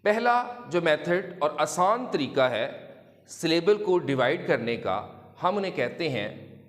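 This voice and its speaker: A man teaching a lesson to children, explaining slowly and deliberately and drawing out example words. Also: fairly high pitch, very animated, long reverb tail. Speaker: English teacher.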